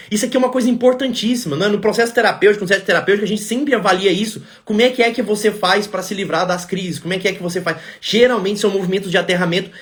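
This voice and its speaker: Fast-talking Brazilian man, high voice. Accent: Brazilian Portuguese. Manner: animated storytelling, acts out dialogue. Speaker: therapist. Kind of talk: casual explanatory talk.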